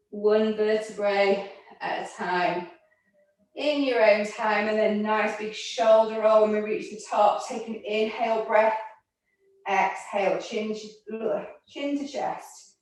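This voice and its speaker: A woman fitness instructor cueing moves and counting reps, out of breath at times. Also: on the high side. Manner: counts reps and cues moves, gently encouraging. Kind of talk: exercise class instruction. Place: room with barre and mats. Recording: echoey room, voice from far off.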